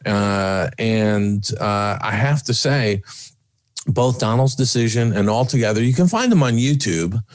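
A man's voice: lowish voice, a little slow, dry recording. A man co-hosting a podcast in casual, rambling chat. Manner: rambling, chatty. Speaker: podcast co-host.

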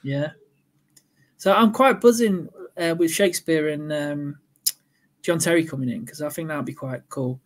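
Excitable male co-host, voice on the high side. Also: normal speed. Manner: chatty, excitable, fan talk. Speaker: podcast co-host. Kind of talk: casual chat.

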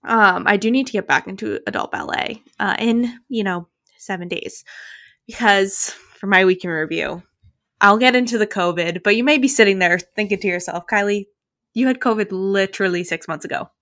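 A chatty young woman, co-hosting a podcast, tells a story in an animated way during a casual chat. Her voice is medium-pitched, she speaks at a normal speed, and she says "like" and "literally" a lot.

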